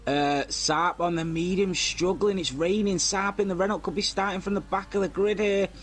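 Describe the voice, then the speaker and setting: A man's voice: high-pitched, fairly even intonation, moderate pace, slight background noise. A man giving casual live commentary on an online racing league, reading out lap times and chatting with viewers. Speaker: race commentator.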